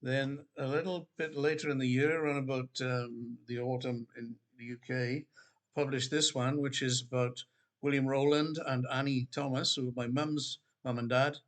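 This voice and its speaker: An older man from Wales, an author casually talking about his books in a relaxed, rambling way with many pauses and restarts. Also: mid-range voice. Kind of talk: casual spoken book promotion. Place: Queensland, Australia.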